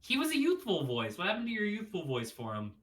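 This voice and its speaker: A woman playing a game with a friend, joking and swearing, voicing male characters in a deeper voice. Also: huge pitch swings, fast, a crowd in the background. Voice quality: swearing, playful, puts on a deeper voice for men. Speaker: let's play co-host voicing game characters.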